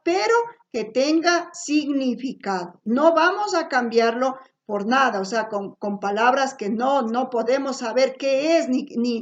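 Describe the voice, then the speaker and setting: A woman teacher, giving a remote lesson, patient and slow, often checking in with short questions. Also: high-pitched, highs cut off.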